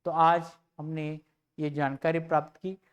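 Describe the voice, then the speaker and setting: A teacher gives a recorded lecture to students, explaining slowly and repeating example words one at a time. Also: mid-range voice, level tone, clean tone, lo-fi sound.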